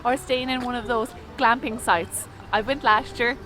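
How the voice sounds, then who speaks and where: A woman's voice: fairly high pitch, fairly even intonation, normal speed, bright, forceful tone, low-quality recording. A woman from Galway with a west of Ireland accent, chatting enthusiastically as a vlog co-host over music. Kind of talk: casual vlog chat. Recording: music playing behind the voice. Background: clear background music.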